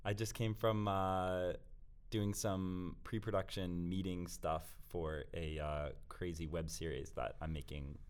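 A man guesting on a podcast talks about his writing in a loose, rambling way. His voice is on the low side, and his sentences wander through fillers. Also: flat delivery, measured pace, clear, resonant tone. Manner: rambling, lots of fillers like "like" and "um", laughs easily. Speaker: guest writer. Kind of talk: casual interview chat.

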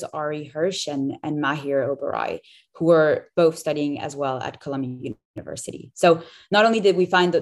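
A woman's voice: low voice, darkish tone. A woman in her twenties, a startup founder guest on a casual podcast interview, chatty and upbeat with frequent fillers and restarts. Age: 20s.

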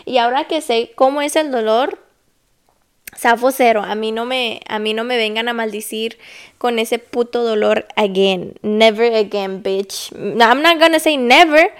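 A woman's voice: a little high, fairly even intonation, measured pace, smooth. A young woman with a Mexican accent, telling a story in a blunt, profane, casual way and slipping English phrases into her Spanish. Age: young adult. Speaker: vlogger.

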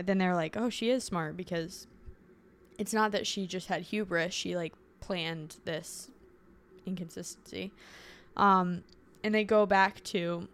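A woman co-hosting a casual recap chat, rambling and correcting herself as she goes. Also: medium pitch. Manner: rambling, self-correcting, quick asides. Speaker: podcast co-host.

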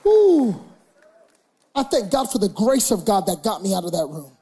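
A young man preaching a sermon, telling a funny story and building to loud shouted preaching. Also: sits high, very animated, normal speed, slightly rough, a faint crowd.

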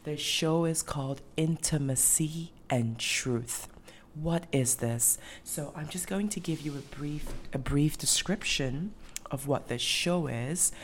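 A woman's voice: sits low, slow, slight background noise. A woman from Ghana hosting a faith podcast, talking earnestly and with many ums and restarts. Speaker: podcast host. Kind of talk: casual faith podcast monologue.

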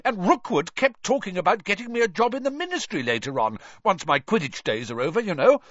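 A man's voice: sits high, big pitch swings, fairly quick, a bit bright, no room sound, pitched above the performer's own voice, heavily acted. A man voicing an earnest, chatty former sports star in a storybook reading, recorded dull and dry.

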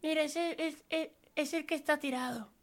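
Man doing a kid voice: very high, eager, tripping over words. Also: steady tone, normal speed, creaky. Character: small excited boy with a ball.

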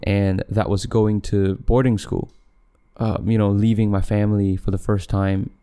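A young man talks loosely and unhurriedly on his podcast, circling back and correcting himself mid-sentence with easy laughs. His voice sits a little low, mellow and smooth in tone. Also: little pitch movement, a little slow. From Malaysia. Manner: rambling, self-correcting, laughs often. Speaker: podcast host. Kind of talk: casual solo podcast chat. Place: home room, camera set back.

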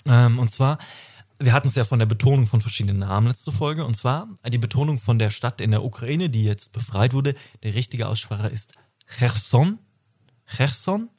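A man's voice: mid-range voice, a little fast, mellow. A man in his twenties co-hosting a podcast, chatting casually, rambling and correcting himself, often breaking into laughter. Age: 20s. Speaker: podcast co-host. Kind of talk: casual chat.

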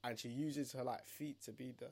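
A man's voice: mid-range voice, fairly even intonation, a little fast, a little mellow, husky. A young man with a London roadman accent chatting casually as a podcast co-host, using heavy slang and repeating phrases for emphasis. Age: young adult. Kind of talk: casual banter.

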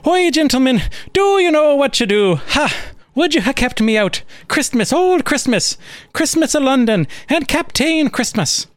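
A man voicing old Christmas as a pompous, jolly old male figure, in an Irish accent and a high theatrical voice. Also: animated, normal speed, no room sound. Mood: indignant, jolly.

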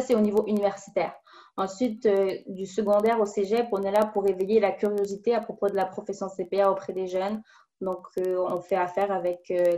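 A woman in her twenties, a student advisor, answering interview questions in a clear, upbeat way with frequent fillers. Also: medium pitch, a little mellow. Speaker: guest, professional order student advisor.

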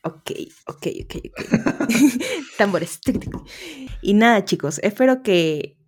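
A woman's voice: mid-range voice, a little mellow. A woman co-hosting a podcast in casual chat, playful and teasing, laughing often. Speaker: podcast co-host.

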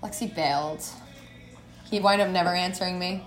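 A woman's voice: on the low side, steady tone, moderate pace, soft background music. A young woman co-hosting a casual cider tasting chat, upbeat and giggly. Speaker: co-host of a cider tasting show. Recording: roomy echo.

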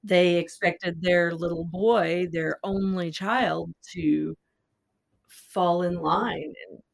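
A middle-aged woman hosting a podcast, chatting casually about a novel and chiming in with quick agreement. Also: on the low side, steady tone, gravelly. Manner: quick agreeing interjections, laughs easily. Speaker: podcast host. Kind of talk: casual book discussion.

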